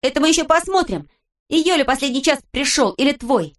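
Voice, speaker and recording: A woman doing a bold, high-pitched storybook girl. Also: brisk. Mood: excited. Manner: excited, emphatic, tearful exclamations. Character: bold, tender-hearted girl, loud and impulsive.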